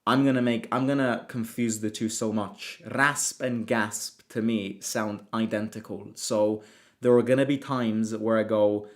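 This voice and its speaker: On a casual livestream, an Italian man who runs a football fan channel reads out viewer comments with a steady tone and a voice on the low side, speaking a little slowly. He's talkative, frequently interrupting himself, restarting, and repeating words.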